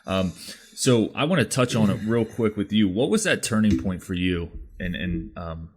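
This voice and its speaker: A man with a very deep voice hosting a casual podcast. He reacts with enthusiasm and rambles a little, using plenty of fillers as he goes. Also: animated, normal speed, husky. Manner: enthusiastic, repetitive, with many fillers. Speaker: podcast host, realtor. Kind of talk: casual interview chat.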